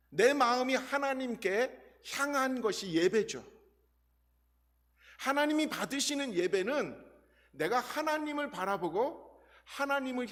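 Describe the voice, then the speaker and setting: Male pastor, sermon, high and very lively pitch, talks right to the pews, lingering church-hall reverb. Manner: animated preaching, addresses the congregation directly; acts out prayers and dialogue in an earnest voice. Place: church sanctuary.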